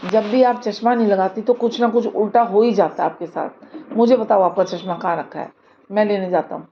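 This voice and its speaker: Woman doing the worried son, kinda scolding his mom gently, faint background noise. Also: mid-range voice, fairly even intonation, brisk, highs cut off, lightly acted. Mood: concerned. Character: caring adult son, mildly reproachful.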